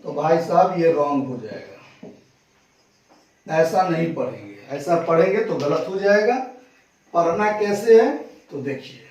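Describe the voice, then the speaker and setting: A man's voice: on the high side, lively intonation, measured pace, pauses often, darkish tone. A maths teacher with a Bihari Hindi accent, lecturing a class at the board and asking questions that he answers himself. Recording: echoey classroom from far off.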